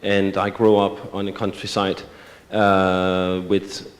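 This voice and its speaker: A man's voice: low voice, monotone, slow. A man from Denmark, giving a hesitant symposium talk about his art, full of filler sounds and restarts. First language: Danish. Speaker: artist presenting his work. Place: museum auditorium. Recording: long reverb of a large hall.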